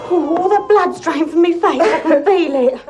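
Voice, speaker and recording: A woman's voice: very high voice, moderate pace, background noise. A young woman with a London accent playing a brash, blunt, complaining girlfriend in a naturalistic television comedy-drama. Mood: indignant.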